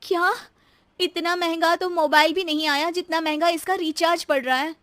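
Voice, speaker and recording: A woman's voice: very high-pitched, steady tone, normal speed, a bit bright, no echo, voice pushed up. A woman voicing a harried, emphatic young daughter-in-law in a cartoon story. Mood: exasperated. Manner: complaining, emphatic.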